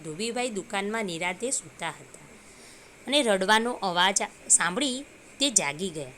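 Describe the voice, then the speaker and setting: A woman's voice: mid-range voice, expressive, moderate pace, bright, forceful tone, a little hiss or hum. A woman teacher reading a story aloud to young children and explaining hard words simply.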